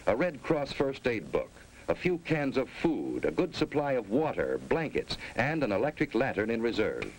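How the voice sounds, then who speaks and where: An American man narrates a 1950s instructional film in a grave, authoritative civil defense manner. His medium voice rises and falls emphatically. The old soundtrack is clearly noisy. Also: medium pitch, sing-song, normal speed, hardly any pauses.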